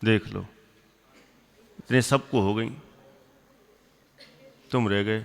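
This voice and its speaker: A man teaching a religious class, slowly repeating definitions and quizzing and scolding his pupils. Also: lowish voice, steady tone, vocal fry, in a large hall. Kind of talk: classroom lesson with questions to students.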